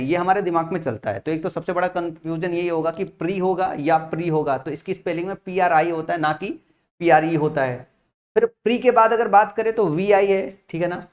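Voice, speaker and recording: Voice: medium pitch, fairly quick. A teacher giving an exam-prep lesson, spelling words out letter by letter and often checking in with the listener. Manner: explains with memory tricks, repeating key points.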